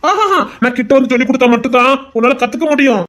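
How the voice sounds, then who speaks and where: Teasing young male lover, voiced by a woman, playful and melodramatic, high-pitched. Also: animated, racing, fairly bright tone. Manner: playful teasing, theatrical wailing when hurt. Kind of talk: amateur audio drama.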